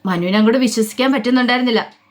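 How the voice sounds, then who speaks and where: A woman's voice: a little high, rapid-fire. A woman narrating a dramatic story in a casual, colloquial way, reading every character's lines in her own voice.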